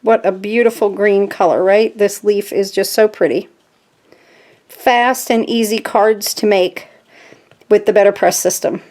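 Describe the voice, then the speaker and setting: A woman's voice: mid-range voice, measured pace. Woman, craft tutorial host; casual, talkative, gushes over her projects, mid-range voice. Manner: chatty and easily excited, talks to viewers while working. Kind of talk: casual step-by-step craft demonstration. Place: home craft room.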